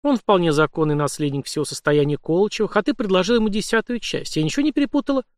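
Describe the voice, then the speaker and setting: A man voicing a calm, shrewd middle-aged empress who reasons coolly, in an audiobook. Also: high voice, fast, no echo, clean studio sound, pitched above the performer's own voice. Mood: calm, steely.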